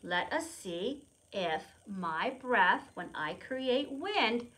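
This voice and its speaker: An animated woman presents a preschool storytime, demonstrating a children's lesson for young viewers at home. Her pitch is fairly high and she draws out her words. She asks questions and gives prompts to small children with simple, repetitive explanations, and she refers to herself in the third person.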